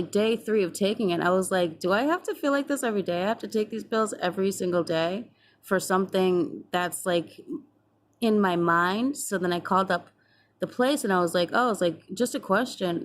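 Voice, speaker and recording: A young woman with a slightly low voice talks straight to the camera in a loose, chatty vlog. She replays old conversations as she goes and swears without thinking twice. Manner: chatty, acts out past conversations, swears freely. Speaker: vlogger. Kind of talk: casual storytelling to camera.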